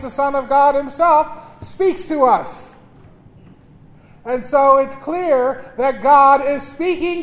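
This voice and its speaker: A man speaking as a priest at Mass with emphatic, deliberate delivery, his voice echoing in a large church. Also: extremely high pitch. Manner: emphatic, deliberate pauses and repetition. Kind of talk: gospel reading and homily. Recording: cathedral-like echo, long church reverb.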